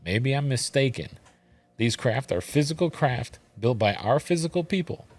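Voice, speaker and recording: A man's voice: mid-range voice, expressive, moderate pace, voice pushed up, natural voice. A man voicing a skeptical male questioner, reading his doubtful questions from a transcript.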